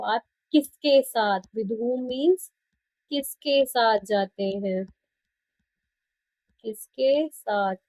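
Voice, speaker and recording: A woman's voice: fairly high pitch, darkish tone, dry recording. A woman teacher with an Indian accent, giving a lesson to young children and explaining English words in their own language, often praising them. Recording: dry, dull lo-fi sound.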